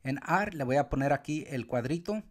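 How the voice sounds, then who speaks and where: A man teaching Spanish accent rules step by step, sometimes calling out words loudly to show where the stress falls. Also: fairly high pitch, lively intonation. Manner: calls out words loudly to show the stressed syllable, counts syllables slowly. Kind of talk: explaining accent marks step by step.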